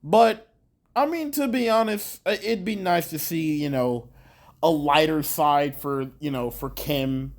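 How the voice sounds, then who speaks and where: A man's voice: on the high side, a little slow. A man talking through his thoughts on a show in a casual, rambling way, with many fillers and restarts and some casual swearing. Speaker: show reviewer. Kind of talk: casual video review.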